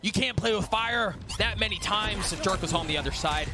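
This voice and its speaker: A man calling a live esports match as play-by-play commentator, excitable, building from tense quiet to shouts at big plays. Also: sits high, a little fast, music in the background.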